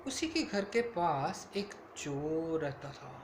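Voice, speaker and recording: A man's voice: fairly high pitch, big pitch swings, takes it slowly, echoey room, noisy background. A man telling his young daughter a bedtime story in a casual, explaining way. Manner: casual, explains to the child as he goes.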